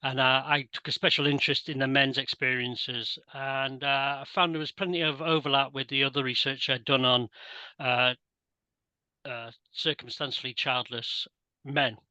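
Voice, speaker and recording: A man's voice: mid-range voice, flat delivery, normal speed, sharp tone, no echo, highs cut off. An older man, a researcher, co-presenting a webinar over a video call, with many hesitant fillers and a wry manner.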